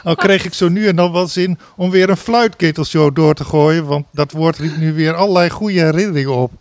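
A man reading a comic story aloud on a talk show, switching to loud sung party chants and laughing along. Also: fairly high pitch, brisk. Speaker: reader of a book passage on a talk show.

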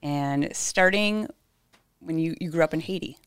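Lower-voiced woman hosting an interview. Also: unhurried, clear, resonant tone, dry recording. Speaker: podcast host. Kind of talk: interview host. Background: music in the intro.

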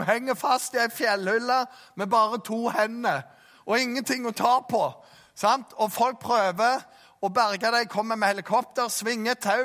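A man with a Jæren accent preaching a sermon, animated, telling stories and acting out voices. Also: very high-pitched. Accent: Jæren Norwegian. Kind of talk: sermon with storytelling. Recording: long reverb of a large hall.

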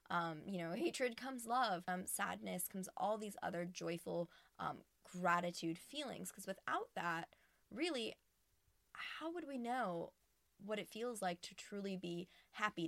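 A woman's voice: lowish voice, gravelly, fairly bright tone, dry recording. A woman hosting a podcast in a casual, conversational and emphatic way, recorded inside a small closet. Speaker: podcast host. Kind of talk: casual solo podcast monologue. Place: small empty closet in a cabin, indoors.

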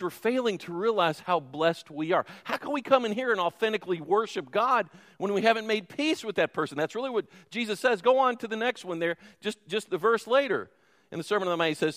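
A man's voice: high-pitched, fairly bright tone. A man preaching a sermon in a conversational way, asking the congregation questions and joking with them. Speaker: pastor. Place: church sanctuary. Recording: reverberant church hall.

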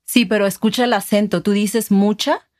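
A woman hosts a relaxed chat at a middle pitch. She explains ideas and keeps asking curious follow-up questions. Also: a little slow. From Mexico. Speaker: host. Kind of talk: casual conversation about regional words.

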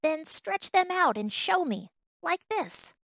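A woman voicing a bold, lively male wild rabbit in a storybook reading, with a teasing, bouncy, mocking manner. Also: a little high, a little slow, dry recording, clean studio sound.

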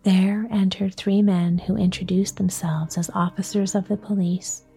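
A woman reading a story aloud in a soft, breathy whisper, storytelling at bedtime. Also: medium pitch, steady tone, normal speed, faint music behind.

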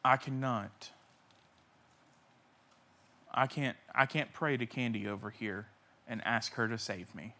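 A man pastor preaching a sermon with passion, swinging between loud cries and hushed near-whispers, repeating key phrases for emphasis. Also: medium pitch, fairly even intonation, slow, pauses often.

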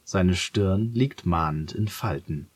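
A man reads a children's story in a calm, measured voice. His voice is very low and husky, and he speaks slowly and steadily. The recording is close and dry. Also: no echo. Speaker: narrator. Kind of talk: storybook narration.

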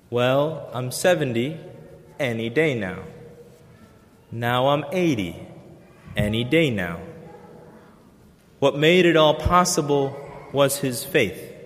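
A man preacher delivering a sermon in an earnest, measured way with pauses. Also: mid-range voice. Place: church. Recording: long church reverb.

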